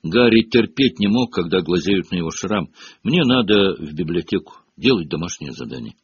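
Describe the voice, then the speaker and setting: A man's voice: low voice, animated, moderate pace, husky, no echo, voice pushed down. A man voicing a gloomy, listless teenage boy wizard. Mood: glum. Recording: dull lo-fi audio.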